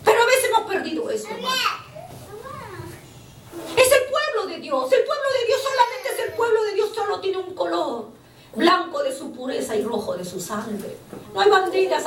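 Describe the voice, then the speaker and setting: A woman's voice: very high voice, a bit bright, slight background noise. A woman preacher giving an impassioned sermon, often calling out to her listeners as brothers. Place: church hall. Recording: echoey church from far off, faint ambience.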